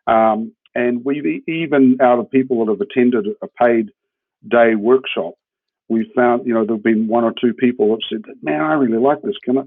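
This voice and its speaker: This podcast guest, a hemp builder with a New Zealand accent, describes his work in an informal way and regularly checks in with the listener. His medium-pitched voice is gravelly with a breathy edge and no echo, though the audio comes through a muffled, narrowband, phone-like line.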